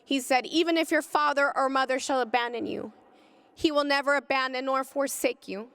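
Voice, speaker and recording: Woman telling her testimony, fairly high voice, really impassioned, voice climbs up when it gets intense. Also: normal speed, fairly bright tone, smooth, big-room sound. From California. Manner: impassioned, rising to cries in high moments. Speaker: pro-life speaker. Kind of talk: emotional testimony talk.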